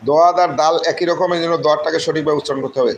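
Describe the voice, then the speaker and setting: A man teaching Quran recitation in a live online class, spelling out words slowly syllable by syllable and answering viewers by name. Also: on the high side, steady tone, a little hiss or hum, low-quality recording. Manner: slow syllable-by-syllable spelling drills.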